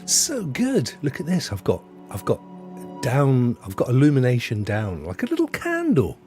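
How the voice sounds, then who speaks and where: A British man hosting a relaxed gaming livestream from a home setup. He talks in a jokey, rambling way and often restarts his sentences, and his pitch swings widely up and down. Soft music plays faintly behind him. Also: moderate pace. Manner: chatty, jokey, rambling with self-corrections. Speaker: host. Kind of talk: casual chat on a gaming livestream.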